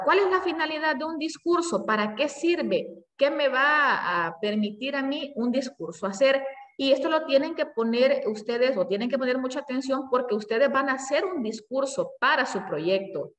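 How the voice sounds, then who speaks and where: A woman's voice: on the high side, distant mic. Woman teacher lecturing in an echoey room. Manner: explains step by step, asks and answers her own questions; self-corrects with fillers. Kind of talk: classroom lecture. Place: classroom.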